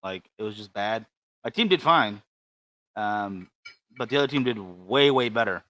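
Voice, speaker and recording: A man's voice: on the low side, animated, moderate pace, fairly bright tone, no room sound. A man co-hosting a livestream in casual chat, with dry, teasing grumbles. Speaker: co-host of a cigar show.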